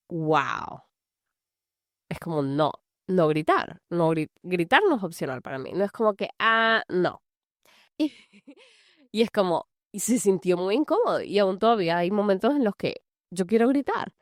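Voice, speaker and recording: A woman coaches mothers on handling anger, speaking in a relaxed, rambling way with lots of filler phrases. Her voice sits a little low. The sound is dry, with no room echo around it. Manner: loose and conversational, full of "es como" fillers. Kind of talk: casual talking-to-camera advice. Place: large house.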